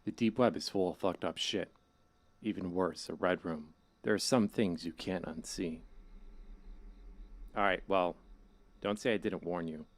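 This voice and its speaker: A man voices a low-pitched male hacker who walks a newcomer through a horror video game. His casual, wry delivery sounds like a scripted tutorial narrator with an ominous edge, and the mood is a casual warning.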